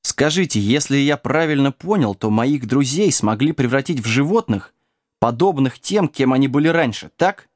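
A man's voice: medium pitch, expressive, normal speed, no room sound, lightly acted. An eager young male hero with an earnest, inquiring way of talking, as a male narrator puts him on. The audiobook recording is dry and close.

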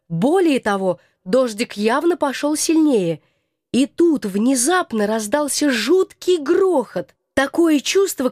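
Young female audiobook narrator, ironic first-person read, high-pitched, close dry recording. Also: a little mellow, no room sound. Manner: wry, ironic storytelling.

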